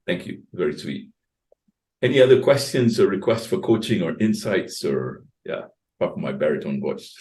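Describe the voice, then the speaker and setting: Man, baritone, low pitch, calm, encouraging, webinar co-host, video call. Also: normal speed. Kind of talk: casual webinar chat.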